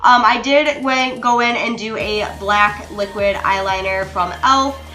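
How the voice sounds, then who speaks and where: Chatty young woman with a bright voice. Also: mid-range voice, a little slow. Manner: chatty, apologetic, addresses viewers as you guys. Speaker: beauty vlogger. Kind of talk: makeup tutorial voice-over. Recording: roomy echo with soft music behind.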